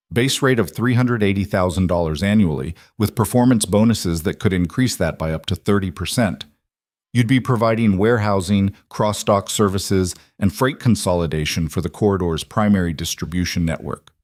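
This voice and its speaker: A brisk, professional businesswoman executive talks terms in a storybook reading, voiced by a man in a low voice close to his own. The tone stays businesslike and dry. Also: no room sound, close to an everyday voice.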